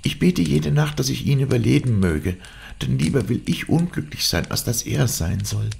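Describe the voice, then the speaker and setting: A man's voice: moderate pace, vocal fry, slight background noise. A man reading an audiobook aloud, voicing a spirited young woman who pleads and frightens easily. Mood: pleading. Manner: raised, lively girlish pitch.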